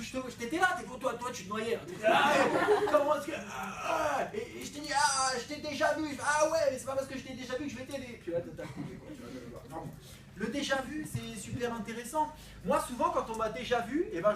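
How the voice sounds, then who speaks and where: A man performing improvised comic slam poetry for a class, playful and energetic, swinging between loud outbursts and hushed dreamy passages, stammering as he makes it up. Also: high-pitched. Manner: stammering repeats while improvising. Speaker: slam poet leading a school workshop. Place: school classroom. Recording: echoey classroom, voice from a distance.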